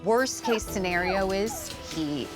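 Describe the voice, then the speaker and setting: A woman's voice: mid-range voice, lively intonation, slow pace. A middle-aged woman from Sweden, a dog owner talking casually and playfully about her dogs. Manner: chatty, playful, laughs at herself. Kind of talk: casual interview. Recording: music bed underneath.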